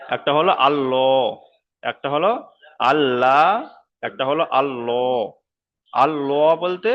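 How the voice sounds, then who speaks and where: A man's voice: medium pitch, highs cut off. A man teaching an online class on Quran reading, patiently repeating each rule and checking that students follow. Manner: patient, repeats rules many times, checks understanding. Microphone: video call.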